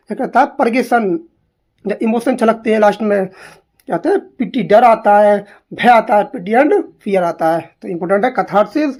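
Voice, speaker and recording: High-voiced man teaching exam-prep literature. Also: a little mellow. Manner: repeats points and quizzes the listener with questions; mixes English terms into Hindi explanation.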